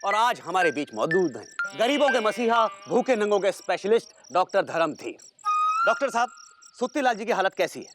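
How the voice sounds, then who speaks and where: An actor playing an overdramatic TV news reporter with a dramatic anchor delivery. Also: male voice, high-pitched, sing-song, fairly quick, loud music behind the voice.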